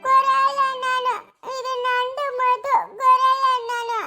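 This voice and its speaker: A woman playing a tearful, stubborn young village mother in an amateur family drama, speaking slowly as she pleads and sobs. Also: extremely high pitch, flat delivery, loud music behind the voice. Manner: slow, pleading, sobbing delivery.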